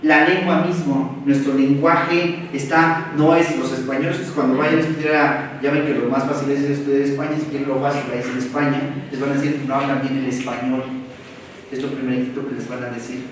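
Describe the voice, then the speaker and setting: Animated Mexican man lecturing in an echoey room. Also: medium pitch, fairly quick, hardly any pauses. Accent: Mexican Spanish. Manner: animated, rhetorical questions, colloquial asides. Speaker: seminar lecturer. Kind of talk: university seminar lecture. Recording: echoey room, far from the mic, faint noise.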